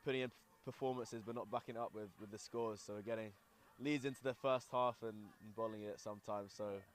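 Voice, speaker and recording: A man's voice: lowish voice, steady tone, a little fast, slight background noise. A young man with a Scottish accent, from London, giving live sports commentary mixed with casual chat as a rugby commentator and player. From grew up in London. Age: young adult.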